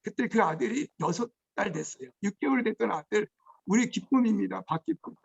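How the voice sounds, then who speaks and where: A male pastor preaching a testimony sermon, moving between hushed storytelling and shouted outbursts. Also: high voice, lively intonation, a little fast, vocal fry, husky. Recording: dull lo-fi recording.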